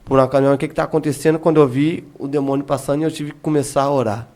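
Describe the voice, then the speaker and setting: This evangelist guest on a podcast recounts his story with lively re-enactments of what people said. His medium-pitched voice is slightly mellow and steady in tone, and he races along.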